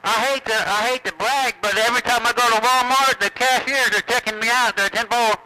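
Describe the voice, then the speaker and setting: High-voiced man over CB radio. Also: fairly even intonation, fairly quick. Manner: joking, playfully boastful. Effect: heard over CB radio. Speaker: CB radio operator. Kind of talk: casual radio banter. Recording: static-laden CB radio reception.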